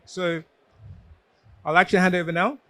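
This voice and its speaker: Hesitant, higher-pitched male moderator. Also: fairly even intonation, normal speed, bright, forceful tone, dry recording. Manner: hesitant, searching for words. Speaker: panel moderator. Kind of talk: unscripted panel moderation.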